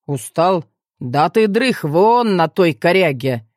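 A woman voicing a blunt, cheerful young male athlete who teases in a deadpan, rough way. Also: fairly low pitch, slow, dry recording, clean studio sound. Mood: teasing.

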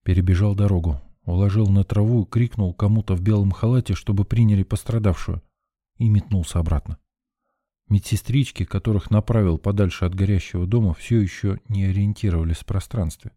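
A man's voice: sits low, steady tone, brisk, warm tone, no room sound, studio quality. A man reading a first-person story in a tense, urgent narrating voice. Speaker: audiobook narrator.

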